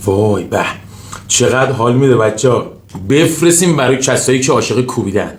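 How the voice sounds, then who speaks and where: In a reverberant room with slight background noise, a man with an Iranian Persian accent hosts a mukbang. His voice sits at an average male pitch. He eats while chatting informally to viewers, with savoring hums between phrases and dishes clinking around him. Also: animated. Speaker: mukbang host. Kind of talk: casual mukbang eating chat to viewers. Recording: roomy echo, faint noise, clinking dishes.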